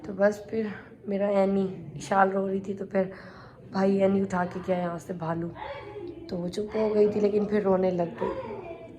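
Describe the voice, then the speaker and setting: Chatty woman vlogging in a noisy home. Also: medium pitch. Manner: chatty, talks straight to her viewers. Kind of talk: casual home vlog. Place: home with guests. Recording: busy room with children's noise. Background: children playing and guests chatting.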